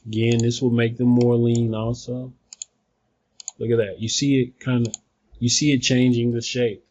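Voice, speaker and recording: A man giving a casual, rambling software tutorial, thinking aloud, recorded on a phone some distance away. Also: mid-range voice, flat delivery, normal speed, muffled recording. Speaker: video tutorial presenter.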